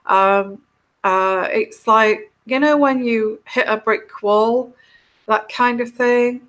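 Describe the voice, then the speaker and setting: A woman's voice: fairly high pitch, steady tone, slow pace, fairly bright tone. An English woman hosting a casual live-stream chat as a tarot reader, talking in a rambling, reflective way, run down and tired. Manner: rambling, reflective, often trailing off.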